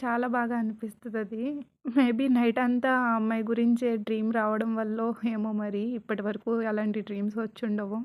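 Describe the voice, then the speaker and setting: A high-voiced woman tells a story in a relaxed, chatty way. She retells the plot casually, like talking to friends. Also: moderate pace.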